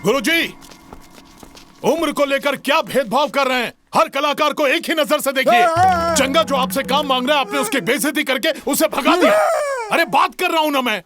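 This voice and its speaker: A bold, defiant village youth. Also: male voice, very high voice, normal speed, sharp tone, faint music behind. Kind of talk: Hindi film dub.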